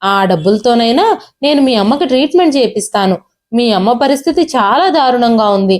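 A woman's voice: a little high, expressive, fairly quick, a little mellow, lightly acted. A woman storyteller voicing a retired old father who pleads tearfully with his son. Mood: pleading.

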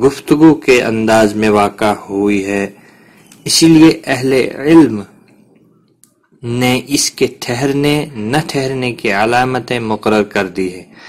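A man teaching Quran recitation rules in a patient, step-by-step lesson, giving examples as he goes. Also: mid-range voice. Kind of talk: explanatory lesson.

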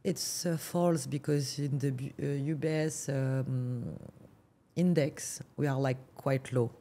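A woman's voice: very deep voice, fairly even intonation, slow pace, mellow, a little hiss or hum. French-accented woman, hesitant broker. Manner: hesitant, many fillers and restarts. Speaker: real estate agent. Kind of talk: casual interview.

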